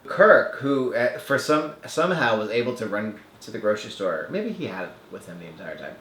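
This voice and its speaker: A man's voice: lowish voice, big pitch swings, brisk, fairly bright tone, reverberant, a little hiss or hum. A man hosting a film podcast, recapping a movie in a sarcastic, casual way and acting out the characters.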